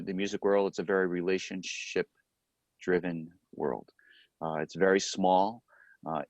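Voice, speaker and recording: Deep-voiced middle-aged man, dry humor. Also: no room sound, muffled recording. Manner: rambling, restarts, dry humor. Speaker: founding member of a brass quintet. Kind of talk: casual Q&A answers at a masterclass.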